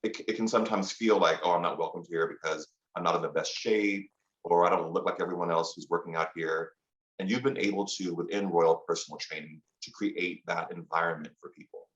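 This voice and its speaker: Deep-voiced guy hosting an interview podcast, calm and affirming, echoey dull sound. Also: brisk. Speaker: podcast host. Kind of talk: interview questions.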